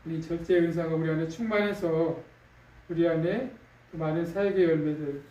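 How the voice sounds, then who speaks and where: A man's voice: on the high side, steady tone, normal speed, darkish tone, highs cut off. A male pastor preaching a sermon in a conversational way, with fillers and questions to the congregation. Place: church sanctuary. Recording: echoey room, distant mic.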